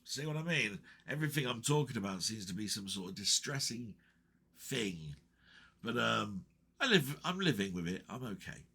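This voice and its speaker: Husky-voiced rambling English man. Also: fairly low pitch, big pitch swings, normal speed, bright, forceful tone. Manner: meandering, frequent ums and restarts. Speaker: vlogger reading viewer comments. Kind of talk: casual rambling chat.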